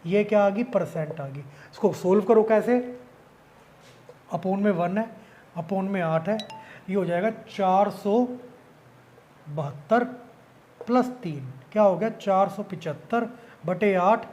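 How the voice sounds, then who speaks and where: A man's voice: high-pitched, takes it slowly, pauses often, dark tone. A male math teacher explaining an exam-prep lesson casually, asking questions and answering them himself.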